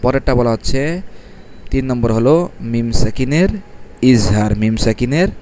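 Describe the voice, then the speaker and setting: A male teacher with a soft, warm voice explains recitation rules at a mid pitch. He spells letters out one at a time and draws the syllables out slowly, answering his own questions as he goes. Faint traffic noise sits behind him. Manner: asks questions and answers them himself, repeats each rule. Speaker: Quran reading teacher. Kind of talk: step-by-step recitation lesson.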